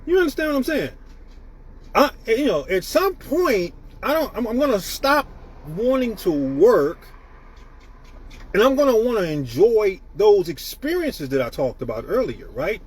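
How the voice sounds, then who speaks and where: A man's voice: high-pitched, very animated, unhurried, slightly rough. A man in his fifties from the United States, hosting a live stream and giving a preachy motivational talk while greeting viewers by name. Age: 50s.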